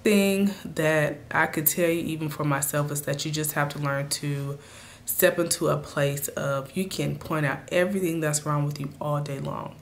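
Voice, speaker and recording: A woman with a raspy, hoarse voice from a cold, giving earnest motivational advice straight to her viewers in a casual vlog. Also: low voice, steady tone, normal speed, slight background noise. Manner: earnest, speaks to viewers directly. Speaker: vlogger.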